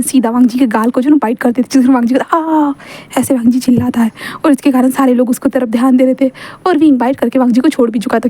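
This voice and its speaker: A woman's voice: high-pitched, dark tone. A woman casually narrating a fan-fiction story, voicing all the characters herself in one chatty tone, with stumbles and fillers.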